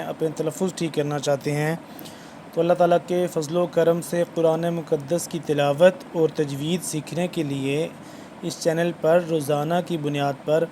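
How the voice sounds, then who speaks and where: A man's voice: on the high side, dark tone, slight background noise. A man teaching Quran reading in an online lesson, addressing viewers formally and repeating words as he explains.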